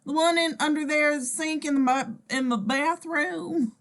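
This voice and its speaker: Lady playing a folksy sixty-something grandma, sweet-talking her grandkid, pretty high voice. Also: fairly even intonation, unhurried, fairly bright tone. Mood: coaxing. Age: 60s. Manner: coaxing, folksy, with pet names. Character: older woman, part-time nurse, fussing grandmother.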